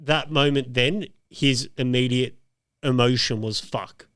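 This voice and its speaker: An Australian man co-hosting a football podcast in a studio, animated and swearing freely. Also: on the high side, fairly quick, smooth, no echo. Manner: animated, swearing, restarts sentences. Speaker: podcast co-host. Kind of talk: casual football chat.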